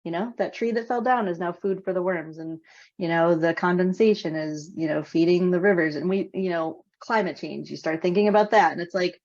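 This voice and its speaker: A woman's voice: fairly low pitch, fairly quick, darkish tone. A woman hosting a podcast in casual conversation over a video call, talkative and full of "you know". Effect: on a video call with a dropping connection. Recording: dull lo-fi video call audio.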